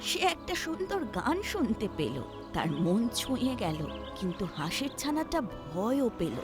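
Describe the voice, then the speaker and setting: With a mid-range voice, a woman narrates a scripted children's story, giving it an expressive storybook delivery.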